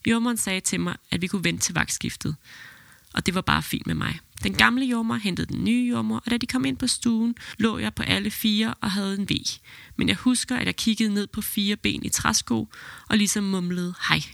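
In a steady, even delivery, a woman who works as a midwife and hosts a podcast reads a birth story and then discusses it. Her voice is mid-range with vocal fry, recorded dry.

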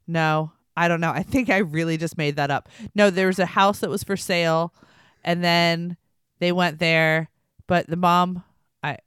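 A woman's voice: on the low side, steady tone, unhurried, fairly bright tone, clear, resonant tone, no room sound, studio quality. A young woman hosting a podcast, chatting casually and rambling with lots of fillers. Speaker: podcast host.

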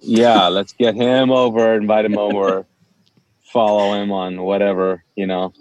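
In a low-quality recording, a Kuwaiti pastor whose first language is Urdu shares his story at a measured pace, his voice on the low side. As a guest in a relaxed interview, he performs the dialogue like an animated storyteller.

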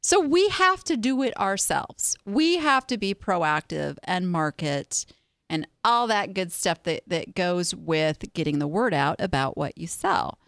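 A woman hosting a casual interview chat, animated and given to sarcastic asides. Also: fairly low pitch, measured pace, dry recording, clean studio sound. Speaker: podcast host.

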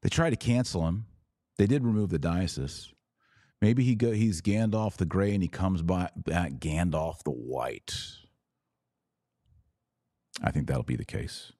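A man's voice: deep voice, unhurried, long pauses, warm tone, no echo, clean studio sound. A man hosting a religious commentary podcast, speaking emphatically with rhetorical questions and repeated phrases for stress. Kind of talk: impassioned religious commentary to camera.

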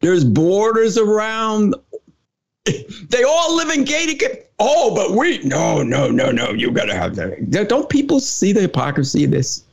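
A man hosting a talk show, asking questions in an animated, incredulous way. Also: sits high, unhurried, vocal fry, husky, lo-fi sound. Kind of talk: conversational interview.

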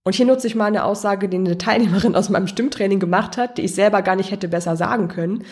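A woman's voice: medium pitch, fast, darkish tone. A woman voice coach speaking directly to the listener, encouraging them step by step with questions.

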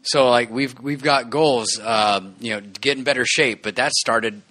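A podcast co-host in his forties chats casually and earnestly in a bright, forceful, medium-pitched voice at a moderate pace. He rambles, restarts, and laughs often.

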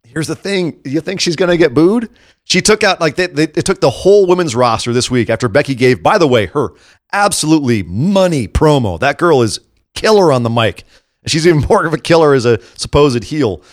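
A man co-hosting a podcast, talking in a casual, animated way about wrestling and laughing easily. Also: a little high, fairly quick, no room sound, studio quality. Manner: animated, excitable, breaks into laughs. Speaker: podcast co-host.

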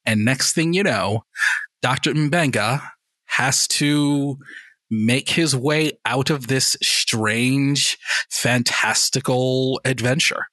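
A man's voice: medium pitch, slow pace, no echo. A man co-hosting a podcast in casual, enthusiastic chat, often repeating words as he talks. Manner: enthusiastic, animated, with repetitions. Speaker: podcast co-host.

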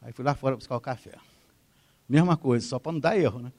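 A middle-aged air force colonel from Rio de Janeiro gives a flight-safety lecture in a university theater, speaking fast in a medium-pitched, somewhat mellow voice. He tells anecdotes with acted-out dialogue and frequently tacks "ok?" onto his sentences.

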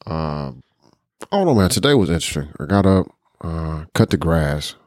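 A laid-back man co-hosts a tech podcast and rambles about his day. His voice is very low. The recording is dry and close. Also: very animated, normal speed, darkish tone, dry recording. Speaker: podcast co-host. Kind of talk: casual chat.

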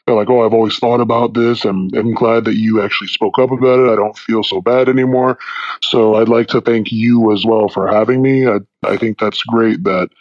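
A man's voice: lowish voice, steady tone, normal speed, a little mellow, no echo. Man with a disguised, altered voice. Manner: frank, plainspoken. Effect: voice disguised for anonymity. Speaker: podcast guest. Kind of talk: casual chat. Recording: dull lo-fi dry sound.

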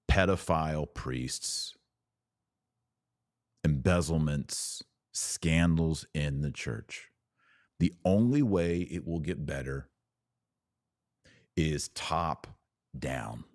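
With a slightly mellow bass voice, an American podcast host delivers earnest, emphatic religious commentary, half sermon and half live-stream chat, assembling lists phrase by phrase. The studio-quality recording has no room sound.

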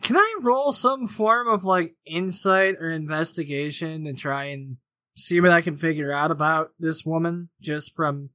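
A man playing a tabletop role-playing game, speaking in character in an easygoing, unhurried way. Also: on the high side, steady tone, pushed and bright, dry recording. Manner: easygoing, slow-paced in-character talk. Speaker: player.

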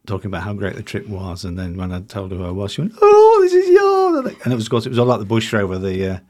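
A man, a safari company founder, chatting as a podcast guest and telling anecdotes in a relaxed, self-deprecating way with frequent restarts. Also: low-pitched, very fast. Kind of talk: conversational podcast interview.

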